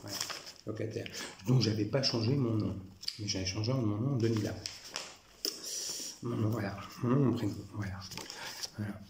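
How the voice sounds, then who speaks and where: A man's voice: on the low side, moderate pace, vocal fry, pauses often, roomy sound, background noise. A man in his forties from France, talking through personal photos in a rambling, repetitive monologue. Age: 40s. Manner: repetitive, says "voilà" constantly.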